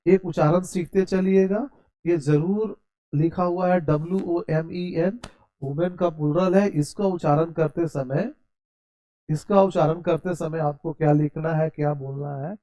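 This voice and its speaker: Guy teaching english grammar, kinda high voice but mellow, asks a question then answers it, spells words out. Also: steady tone. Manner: explains step by step, asks students questions and answers them; spells out words letter by letter, slows down on English example sentences. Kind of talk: spoken English grammar lesson.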